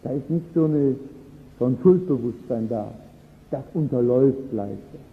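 A man's voice: medium pitch, normal speed. A man preaching a sermon, earnest and emphatic, who repeats his key phrases for weight. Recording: tinny phone-like sound in a long-echoing hall.

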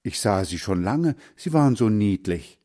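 A man's voice: on the low side, expressive, moderate pace, mellow, lightly acted. A man reading a storybook aloud, voicing a stubborn boy who scolds his friend for chasing ducklings. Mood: earnest. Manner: scolding, indignant.

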